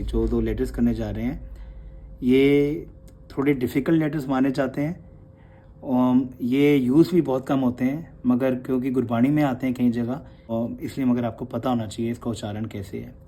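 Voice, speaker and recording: Patient male teacher with a mellow voice. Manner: patient, repeats sounds slowly for learners; opens with soft, low devotional recitation. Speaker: Gurmukhi teacher. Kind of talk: online class lesson.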